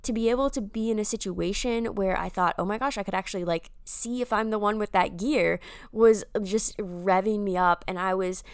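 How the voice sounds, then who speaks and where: A young woman talks through footage of her own race in an upbeat, chatty way, often dropping in a casual "like." Her voice is smooth and resonant, recorded close and dry with no room sound. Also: medium pitch, normal speed, dry recording. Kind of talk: voice-over race analysis.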